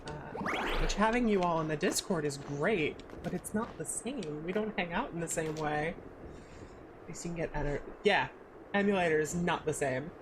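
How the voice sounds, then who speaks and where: A woman's voice: deep voice, moderate pace, noisy background. A woman with an English accent giving casual, rambling live commentary while streaming a video game. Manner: rambling, reactive, exclaiming at the game. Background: game audio.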